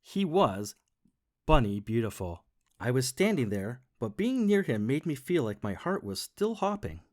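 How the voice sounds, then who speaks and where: A man reading a children's storybook aloud as the first-person bunny narrator, playful and expressive. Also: mid-range voice, a little slow.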